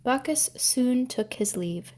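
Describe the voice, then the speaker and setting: A woman's voice: fairly high pitch, animated, slow, a little mellow. A woman storyteller narrating an ancient myth from a script, with grave, dramatic delivery.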